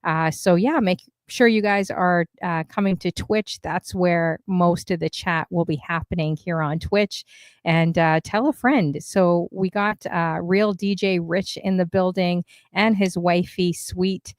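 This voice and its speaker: A woman's voice: fairly low pitch, steady tone, measured pace, no room sound, studio quality. A woman from Canada hosting a casual livestream talk show, chatty and upbeat, with lots of fillers.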